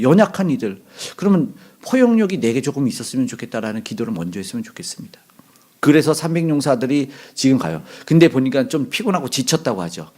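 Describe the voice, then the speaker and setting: Preaching in a conversational style, a middle-aged pastor poses questions to his congregation and performs quoted lines, breaking into abrupt loud outbursts. His voice sits in the mid range.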